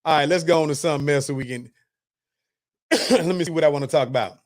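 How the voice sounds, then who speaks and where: High-pitched man ranting on a livestream. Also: fast talker. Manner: wry, preachy, jokes and laughs between points, reads comments aloud. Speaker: host. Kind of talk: casual commentary reading news and chat comments.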